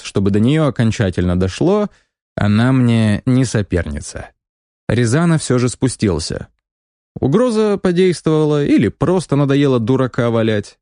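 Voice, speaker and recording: Dark-voiced male audiobook narrator. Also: mid-range voice, no echo, studio quality. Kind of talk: scripted first-person fantasy narration.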